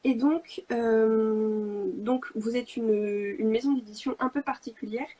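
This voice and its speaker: A woman's voice: fairly high pitch, fairly even intonation, slow, dark tone. A woman hosting a live video interview, asking polite, hesitant questions. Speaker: host.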